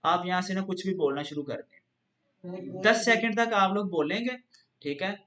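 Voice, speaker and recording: A man with a rather high voice walks through a software tutorial one step at a time. He explains patiently and keeps coming back to the same filler phrase. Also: unhurried. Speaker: instructor. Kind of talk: screen-recorded software tutorial.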